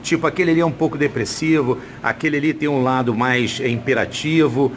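Medium-pitched Brazilian male interviewer, some noise. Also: a little fast. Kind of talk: casual interview. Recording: noticeable background noise.

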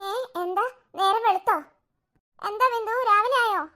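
A woman's voice: very high-pitched, fairly even intonation, moderate pace, bright, forceful tone. A woman voicing a sleepy middle-aged mother in a cartoon, fussing over a child in a cooing, doting way. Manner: drowsy then cooing and doting. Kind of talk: cartoon voice acting.

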